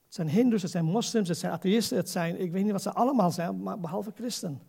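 High, gravelly older male preacher. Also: quick pace, darkish tone. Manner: earnest exhorting with rhetorical questions. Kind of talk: sermon.

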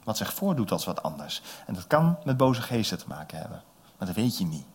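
Dutch guy preaching, low husky voice, gets loud then goes soft, acts out the bits. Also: big pitch swings, brisk. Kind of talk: sermon.

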